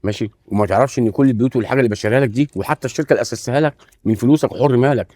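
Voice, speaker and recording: A man's voice: medium pitch, darkish tone, no echo, close to an everyday voice. A man with an Egyptian accent playing a kind, protective older father who speaks patiently and sometimes halts. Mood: gentle. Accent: Egyptian Arabic. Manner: patient and reassuring, halting. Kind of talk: web drama acting.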